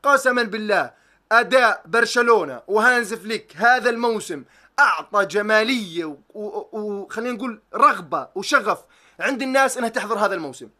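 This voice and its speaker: High-voiced and a little fast, this young football vlogger sounds animated, pushed, and bright. He rants excitedly in reaction to the game, swearing oaths and ridiculing talk of tactics.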